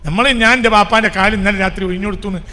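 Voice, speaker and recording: Man, Islamic preacher, sermon, high sharp voice, rhetorical questions, hushed then loud, long hall echo. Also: fairly even intonation, racing. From Kerala, India.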